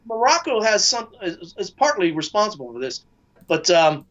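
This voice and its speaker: A man talking casually as a guest, halting often with fillers and restarts. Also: high voice, big pitch swings, a bit bright, highs cut off. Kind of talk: casual discussion.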